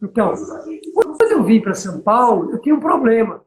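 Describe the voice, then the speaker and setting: A middle-aged man from Bahia, Brazil, with a Northeastern Brazilian accent, coaches on business in a chatty mentor style, telling stories and checking that the listener agrees. His voice is very high and sing-song and fairly quick, recorded roughly in an echoey room with crowd noise.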